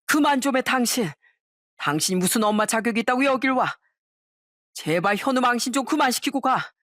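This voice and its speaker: A woman's voice: fairly high pitch, lively intonation, normal speed, a bit bright, no echo, studio quality, voice pushed up. A woman voicing an exasperated middle-aged father angrily sending his ex-wife away. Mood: angry. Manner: exasperated, urgent.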